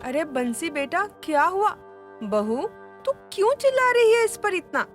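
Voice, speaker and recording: An older mother-in-law with a high, lively voice that swings up and down, fed up and scolding in a cartoon story. Soft music sits in the background. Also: a little slow, full character voice. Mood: exasperated. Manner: exasperated, scolding. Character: weary, exasperated mother-in-law. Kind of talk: animated story dubbing.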